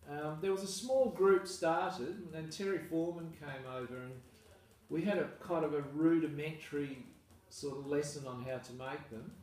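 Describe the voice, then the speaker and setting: A man's voice: on the high side, moderate pace. Rambling Australian man, echoey room. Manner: relaxed, rambling, self-deprecating. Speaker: farmer. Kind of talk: casual interview. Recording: echoey room, mic far off, faint noise.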